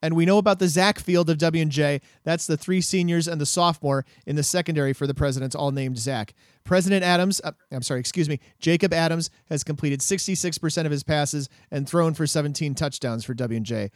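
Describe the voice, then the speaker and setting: A man's voice: on the high side, brisk, hardly any pauses, no echo. Male podcast co-host, laid-back, dry studio sound. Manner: relaxed, hesitant fillers, chuckles. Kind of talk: casual sports podcast chat.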